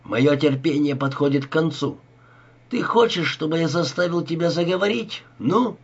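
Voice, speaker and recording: A man's voice: fairly high pitch, expressive, moderate pace, creaky, slightly rough, highs cut off, voice pushed up, full character voice. A man voicing a brutal gangster who threatens and bullies in a harsh voice. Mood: threatening. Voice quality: harsh, menacing.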